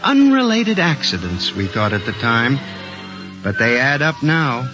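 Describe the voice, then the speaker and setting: A man's voice: medium pitch, sing-song, measured pace. A man playing a hesitant, earnest statistics clerk who also narrates, in a 1950s radio drama with an old broadcast sound. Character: timid middle-aged male statistics clerk. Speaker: narrator and lead character. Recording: muffled lo-fi old radio recording with music.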